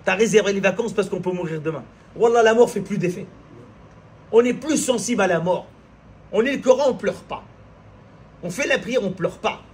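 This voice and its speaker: Impassioned high-voiced male preacher. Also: normal speed, pauses often, darkish tone. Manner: impassioned, repetitive rhetorical questions, acts out little scenes. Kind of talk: sermon.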